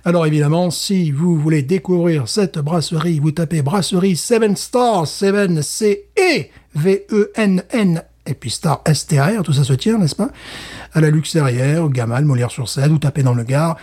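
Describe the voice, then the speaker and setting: A man's voice: a little high, moderate pace, darkish tone, slightly rough. A man co-hosting a casual chat, playful and full of wordplay and laughs. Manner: playful, wordplay, frequent laughter, stammering restarts. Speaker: podcast co-host.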